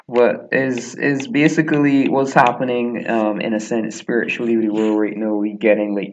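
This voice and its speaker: A young gaming vlogger in his twenties with a Barbadian accent talks in a fairly low voice, rambling casually while he plays. He meanders through his thoughts with lots of fillers and chuckling asides. The lo-fi recording has a little hiss or hum and comes from a small, echoey room at home.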